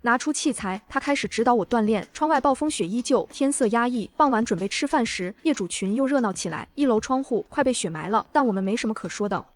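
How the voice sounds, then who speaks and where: Woman voicing a young heroine, cold and calm, slightly high, vengeful first-person narrator. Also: quick pace, hardly any pauses, no echo, close to an everyday voice. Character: cool-headed reborn young woman, vengeful. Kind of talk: dramatic audio narration.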